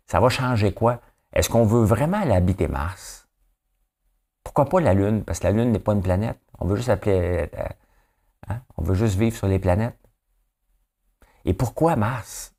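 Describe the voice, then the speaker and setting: A man with a very low voice and a Quebec French accent, hosting his daily news commentary. He talks casually and rambles from point to point. He keeps tossing out rhetorical questions. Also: a little mellow. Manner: rambling, asks rhetorical questions, often tags "hein?".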